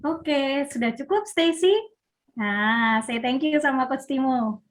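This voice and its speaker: A woman's voice: high-pitched, takes it slowly. A woman teacher moderating a video-call session, encouraging pupils and calling them up in turn to ask their questions.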